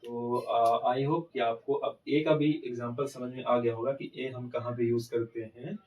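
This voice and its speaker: A man's voice: medium pitch, fairly even intonation, a little slow, distant mic, muffled recording. A man teaching an English grammar lesson, asking questions and answering them himself. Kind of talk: classroom-style grammar lesson.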